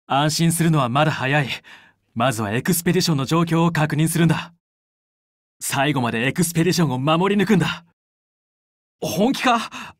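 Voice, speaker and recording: A heroic fox space pilot leading his squad in a video game. His voice is high for a man, with a dry, close studio sound. He speaks with earnest, commanding resolve. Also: fairly bright tone, no room sound. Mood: urgent, commanding. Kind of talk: Japanese video game voice acting, battle callouts.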